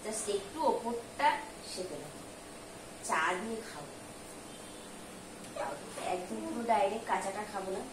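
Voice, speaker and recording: Middle-aged woman, hurried rambling vlog chat, recorded off-mic in a noisy, echoey kitchen. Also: medium pitch. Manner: chatty and rambling, admits she talks hurriedly and mixes up words. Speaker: vlogger. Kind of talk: casual home cooking vlog chat. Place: home kitchen, cooking on a gas stove. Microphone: camera held by her husband at some distance. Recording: roomy, distant and noisy home recording.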